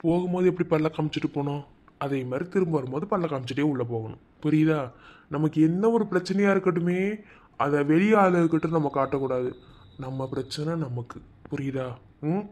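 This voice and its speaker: A man's voice: on the high side, brisk, darkish tone, natural voice. A man voicing an easygoing, joking village husband in a cartoon, speaking with a Madurai Tamil accent in a coaxing, talkative way. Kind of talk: cartoon voice acting.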